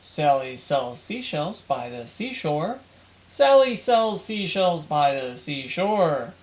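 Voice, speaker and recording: Slow, gravelly man reviewing gear. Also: a little high. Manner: measured, repeats a test phrase evenly. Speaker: camera reviewer. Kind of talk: casual tech review with test readings. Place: ordinary room with a window, no sound isolation.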